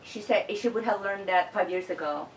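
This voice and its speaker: A woman's voice: medium pitch, a little fast, a little hiss or hum. A woman organizer translating a participant's remarks into English, with hesitant paraphrasing. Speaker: organizer and interpreter. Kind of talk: introducing and translating. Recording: echoey room, distant mic.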